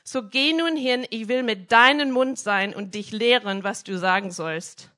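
A woman voicing God as a stern, exasperated male deity who booms his words slowly and with emphasis, in a spoken Bible retelling. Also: sharp tone. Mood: booming.

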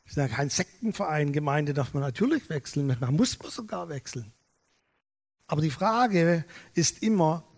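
A man preaching a sermon, telling stories lively and acting out the dialogue. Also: on the high side, normal speed, long reverb tail. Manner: lively storytelling, acts out dialogue. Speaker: pastor.

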